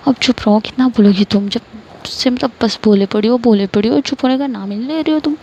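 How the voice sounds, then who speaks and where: A woman's voice: on the high side, brisk, dark tone, muffled recording, slight background noise, close to an everyday voice. A woman playing a stern, scolding young woman. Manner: scolding, bossy. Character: stern protective young woman, skilled fighter.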